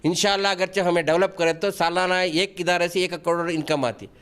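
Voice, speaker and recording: High-pitched earnest man. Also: fairly even intonation, a little fast, a bit bright. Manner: earnest, repeats himself, restarts often; defensive and pleading. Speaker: wakf board member being interviewed. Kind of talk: news interview answers.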